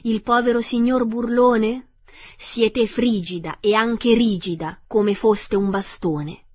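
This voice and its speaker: A woman voicing a silly, cracked porcelain clown who teases in slow rhymes. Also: a little high, fairly even intonation, husky, no echo, pitched above the performer's own voice. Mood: mocking. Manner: teasing, sing-song rhymes.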